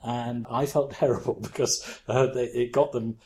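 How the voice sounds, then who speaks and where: A man's voice: medium pitch, steady tone, moderate pace, a little mellow, rough recording. A man and former classical advisor telling an anecdote in a self-deprecating, confiding way. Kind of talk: anecdotal discussion. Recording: faint background noise.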